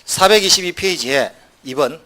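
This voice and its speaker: Brisk man lecturing on exam law. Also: fairly high pitch, animated, bright, forceful tone. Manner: brisk, quizzing students with rhetorical either-or questions; wry asides with short laughs.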